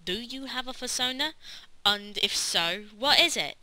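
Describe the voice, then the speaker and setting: A woman's voice: fairly high pitch, lively intonation, measured pace, bright, forceful tone. A woman delivering scripted narration as the narrator and interviewer of a documentary.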